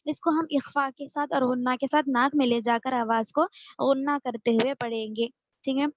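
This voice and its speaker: A woman teaching a Quran reading class online, slowly spelling out sounds syllable by syllable and often checking that her students follow. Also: high-pitched, dry recording. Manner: patient, drawn-out syllable-by-syllable spelling, frequent checking questions. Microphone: video call. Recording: dull, lo-fi video call audio.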